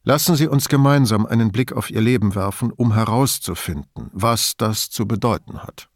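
Man reading as a calm probing police inspector. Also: fairly low pitch, no echo, studio quality. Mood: measured. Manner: measured, quiet, probing.

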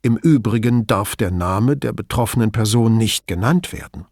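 A composed police inspector, read by a man in an audiobook, replies briefly and politely. The husky voice is recorded close and dry, with no room around it. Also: fairly low pitch, moderate pace, dry recording. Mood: calm. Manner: calm, polite, restrained.

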